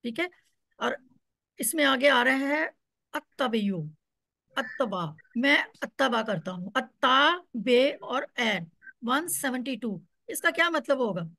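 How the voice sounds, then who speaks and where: A woman's voice: high voice, animated, unhurried, gravelly, sharp tone, no echo, clean studio sound. A woman teaching a class, explaining step by step and repeating words so students can follow. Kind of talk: online Quran Arabic class.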